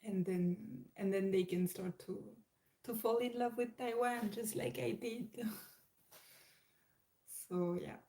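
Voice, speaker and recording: A Frenchwoman from France hosts a casual livestream, chatting to viewers in a French accent with many fillers, hesitations and restarts. Her medium-pitched, mellow voice stays steady, moving slowly with long pauses.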